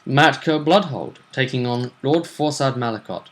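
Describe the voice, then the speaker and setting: In a mid-range voice, a man hosts a tabletop role-play vidcast, musing casually and deliberately about a fantasy tournament. There is a little hiss or hum in the recording.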